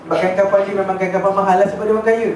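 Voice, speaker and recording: A high-voiced man teaching a religious class, telling the story in a chatty way and often checking that his listeners follow. He is recorded from a distance in a very echoey hall. A faint hiss sits behind him. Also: level tone, racing, a little mellow. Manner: chatty, checks in with listeners, mixes in English words. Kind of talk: casual lecture storytelling.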